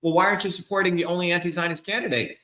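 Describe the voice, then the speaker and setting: Man ranting on a livestream, swears a lot, bright forceful voice, roomy echo. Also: high voice, steady tone, racing. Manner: profane, heated, emphatic. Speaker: political candidate speaking to supporters. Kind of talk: angry livestream rant.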